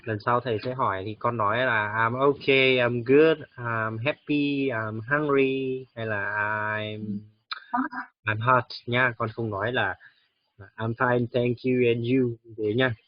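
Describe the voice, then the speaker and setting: A man teaching English to a child, patient and coaxing, slowly repeating words to model how they sound. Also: mid-range voice, steady tone, dry recording. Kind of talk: one-on-one English lesson for a child. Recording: dull, dry lo-fi recording.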